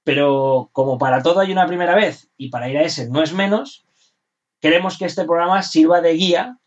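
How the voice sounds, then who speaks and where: A man's voice: on the high side, recorded from a distance, highs cut off. A man with a Spain Spanish accent casually hosting a hobby podcast, repeating phrases as he steers the talk. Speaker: podcast host.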